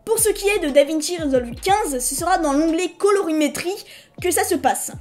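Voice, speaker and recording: A woman hosting a casual screen-recorded software tutorial. She talks in a chatty, hesitant way, restarts her sentences and apologizes to viewers now and then. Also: extremely high pitch, moderate pace, faint music behind. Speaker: tutorial host.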